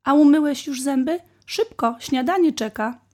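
A woman voicing a hurried, worried rabbit mother in a storybook. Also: on the high side, a little mellow, breathy edge, voice pushed up. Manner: hurried and bustling.

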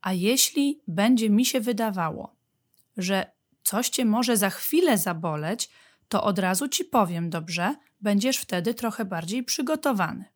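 Woman reads patient mother badger, calm and soothing, storybook style. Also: medium pitch, unhurried. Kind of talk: storybook reading.

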